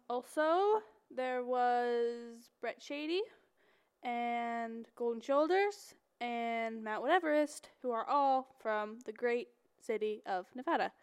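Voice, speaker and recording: A woman's voice: a little high, smooth. An eighteen-year-old woman from Northern California, a college radio DJ, chatting casually between songs in a rambling, playful way, full of fillers. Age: 18, young adult. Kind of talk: casual late-night radio chat.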